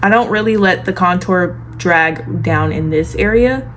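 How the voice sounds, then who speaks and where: A woman with a fairly low voice chats through a makeup tutorial as if to girlfriends. Her retainer gives her speech a lisp. There is clear background noise in the recording. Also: a little slow. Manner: girly, familiar asides to viewers. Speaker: beauty vlogger. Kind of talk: casual chatty makeup tutorial.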